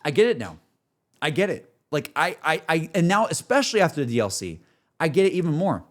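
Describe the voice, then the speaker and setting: A slightly high, very animated male voice, talking a little fast, belongs to a game streamer chatting casually on a livestream. He reflects emotionally on games in an earnest, emphatic, rambling manner that tends to circle back on itself.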